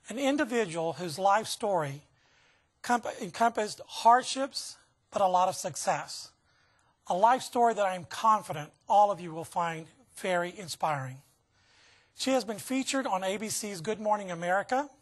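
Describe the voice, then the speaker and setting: A woman's voice: medium pitch, slightly rough. A woman hosting a live webcast, giving a polished, formal introduction of the guest speaker. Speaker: webcast host.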